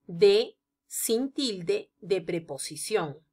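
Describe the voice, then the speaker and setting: A woman narrating a scripted grammar lesson, explaining each example slowly and deliberately. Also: medium pitch, lively intonation, dark tone, husky. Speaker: teacher.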